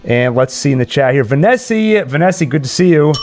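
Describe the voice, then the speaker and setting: A man with a fairly high, darkish voice and lively intonation hosts a live stream, talking a little fast. He chats casually and enthusiastically about films and reads viewer comments aloud, with music playing in the background.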